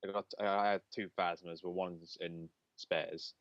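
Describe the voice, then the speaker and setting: A man's voice: sits low, level tone, a little slow, dry recording. A man guesting on a casual podcast, talking in a dry, self-deprecating way. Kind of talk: casual chat. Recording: muffled lo-fi mic.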